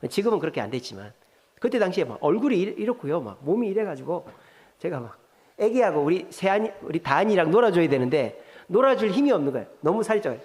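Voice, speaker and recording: A man's voice: high-pitched, big pitch swings, fast, a little mellow. A middle-aged pastor with a Gyeongsang Korean accent, preaching in a chatty way, quizzing his congregation and telling jokes. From South Korea, Gyeongsang region. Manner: conversational, asks the congregation questions, jokes. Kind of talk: sermon. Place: church sanctuary. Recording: long hall reverb in a church.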